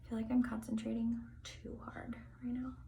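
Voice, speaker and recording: A woman's voice: a little high, little pitch movement, moderate pace, creaky, dark tone, distant mic, a little hiss or hum. Chatty young woman rambling a bit off-mic. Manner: chatty and rambling, many fillers, drops into whispers. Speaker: hair tutorial vlogger. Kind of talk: casual rambling tutorial chat.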